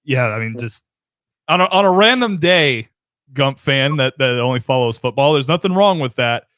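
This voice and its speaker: Male sports radio host, relaxed conversational delivery, smooth clear voice, dry close sound. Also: medium pitch, moderate pace, dry recording. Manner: relaxed conversational host who asks questions and trails into asides. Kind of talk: casual sports radio talk.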